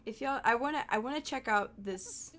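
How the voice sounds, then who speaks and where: A woman chats on her live game stream, her voice sitting a little high. She is excitable, laughs often and swears freely as she talks. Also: normal speed. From Texas. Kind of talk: casual live-stream chat.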